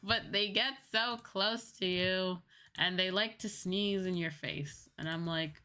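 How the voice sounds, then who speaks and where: Speaking in an unhurried, lowish voice that is bright, forceful and smooth, this US-born virtual YouTuber keeps her intonation fairly even. She rambles through an informal chat with viewers on her livestream, frequently correcting herself, while background music plays behind her.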